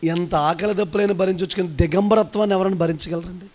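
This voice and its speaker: A male pastor from India with a Telugu accent, preaching a sermon that swings from low, quick talk to shouted commands and sing-song chanting. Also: fairly even intonation, a little hiss or hum.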